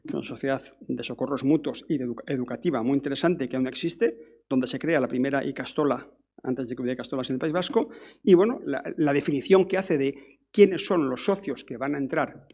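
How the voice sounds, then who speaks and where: A man's voice: mid-range voice, a little fast, darkish tone, breathy edge. A middle-aged man giving a conference lecture, talking in a discursive way with frequent restarts and tag questions. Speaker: academic speaker.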